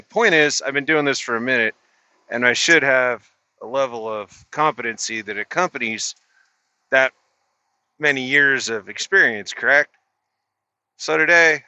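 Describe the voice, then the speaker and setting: A man's voice: on the low side, pushed and bright, no echo. A middle-aged man, a truck driver, casually telling a story in a laid-back, profane, rambling way with restarts.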